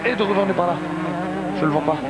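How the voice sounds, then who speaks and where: Guy co-commentating motorsport, short chatty remarks, voice a bit on the high side. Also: quick pace, very noisy.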